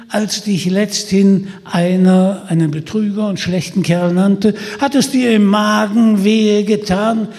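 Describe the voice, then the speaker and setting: A man's voice: high-pitched, darkish tone, big-room sound, voice pushed up. Holländer Michel, a man doing a mocking forest tempter. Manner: mocking, persuasive, jeering. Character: scheming sly male forest spirit tempter.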